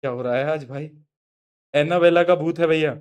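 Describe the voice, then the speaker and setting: A man's voice: on the high side, moderate pace, a little mellow, clear, resonant tone. A man teaching a live online science class in Hindi, chatty and teasing his students, slipping into English terms.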